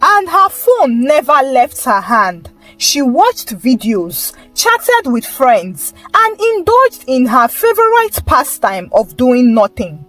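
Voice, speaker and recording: A woman telling a folktale in scripted narration, with a steady, measured reading. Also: sits high, soft background music, low-quality recording. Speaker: storyteller.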